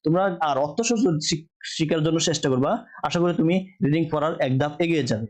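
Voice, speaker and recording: A man's voice: a little high, steady tone, fast, a little mellow. A man teaches English word sounds. He poses each question and answers it himself, spelling letters out and repeating words in a patient classroom rhythm. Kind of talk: spelling-and-pronunciation lesson.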